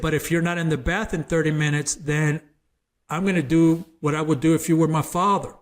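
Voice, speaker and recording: Guy sharing his testimony on an interview show, kinda high voice, earnest, repeats words as he builds up. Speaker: interview guest, former gang member. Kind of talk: emotional personal testimony told as a story.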